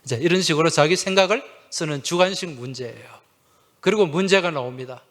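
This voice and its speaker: A man's voice: fairly high pitch, a little fast, fairly bright tone. Male pastor preaching in a chatty way. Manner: asks the congregation questions and answers with frequent affirming "yes"; conversational, uses humorous anecdotes. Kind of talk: Sunday sermon.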